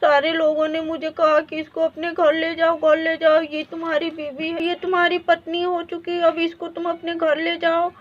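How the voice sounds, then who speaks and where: A woman's voice: very high voice, monotone, normal speed, hardly any pauses, lo-fi sound. A woman voicing a clumsy young village husband who is scared of his wife and talks in a flustered, pleading way. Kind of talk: storybook voice acting.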